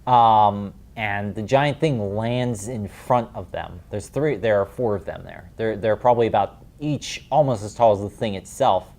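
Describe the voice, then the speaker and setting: A man's voice: fairly low pitch, moderate pace, few pauses, darkish tone. A man narrating a tabletop game as game master, describing scenes in a rambling way with many fillers.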